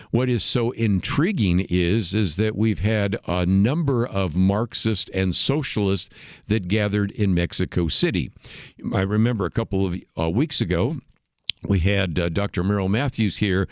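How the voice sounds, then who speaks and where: A man hosting a radio talk show, explaining points in a measured way with frequent "uh" fillers. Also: lowish voice, dry recording, clean studio sound. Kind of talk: unscripted radio commentary.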